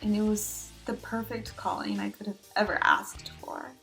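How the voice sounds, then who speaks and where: A woman vlogger telling a personal story in a lively, breathless way, sometimes breaking into song. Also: medium pitch, normal speed, creaky, faint music behind. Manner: breathless excited bursts, sings along. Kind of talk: storytelling voice-over.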